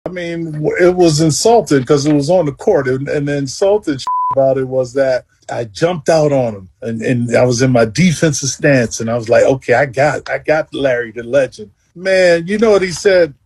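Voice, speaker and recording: A former basketball player, a man, telling an excitable story in an interview, laughing as he goes. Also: moderate pace, hardly any pauses, breathy edge. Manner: excitable, laughs and jumps in pitch.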